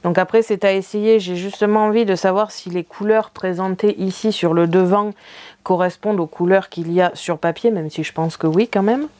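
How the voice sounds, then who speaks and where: A woman's voice: medium pitch, fairly even intonation, moderate pace, a little mellow. A woman hosting a crafting video, chatting casually about her purchases with many small fillers and light laughs. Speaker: craft channel host.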